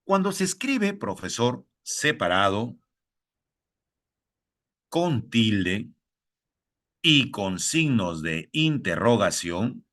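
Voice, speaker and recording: A man's voice: mid-range voice, big pitch swings, extremely slow, pauses often, a bit bright. A man with a Peruvian Spanish accent teaching a lesson, addressing fellow teachers and repeating each key point.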